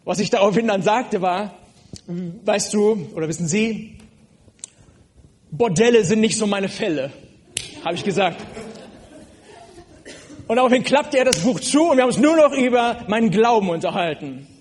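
A man's voice: sits high, expressive, normal speed, pauses often. A man preaching a sermon, speaking earnestly and directly to the listener, with frequent hesitations.

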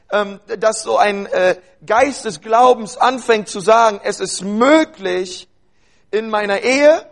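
A man preaching a sermon to his congregation. He speaks earnestly and urges them on, repeats phrases and addresses his listeners directly. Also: very high-pitched.

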